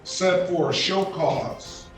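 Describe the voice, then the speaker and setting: A firm, curt judge is heard over a video conference call, his slightly high voice coming through echoey and set back from the microphone. He repeats himself as he cuts in. Faint music sits underneath. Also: takes it slowly, recorded from a distance. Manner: firm, curt, repeats words when cutting in. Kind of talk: presiding over a virtual court hearing.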